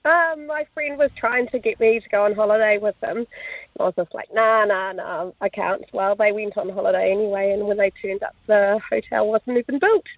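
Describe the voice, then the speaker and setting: A woman's voice: mid-range voice, fairly quick, no echo. Kiwi woman on a tinny phone line. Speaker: radio phone-in caller. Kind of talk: casual anecdote.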